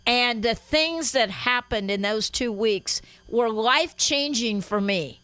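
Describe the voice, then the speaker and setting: A woman's voice: a little high, animated, slow pace, sharp tone, smooth, no echo, rough recording. Fervent woman hosting a faith show. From Guatemala. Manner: fervent, punctuates with amens and praise. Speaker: host.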